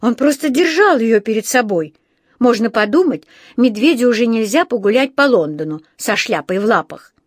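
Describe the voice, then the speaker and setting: A woman voicing a stern, fearless older housekeeper in a storybook reading, forceful and scolding. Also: fairly high pitch, animated, moderate pace, no echo, clean studio sound.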